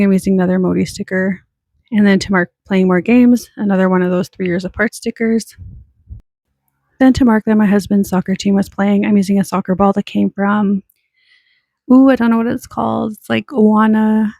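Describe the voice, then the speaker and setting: Chatty young woman, gravelly and dry. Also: medium pitch, a little mellow, no echo. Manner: chatty, rambling, self-deprecating. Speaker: planner vlogger. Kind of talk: casual planner walkthrough.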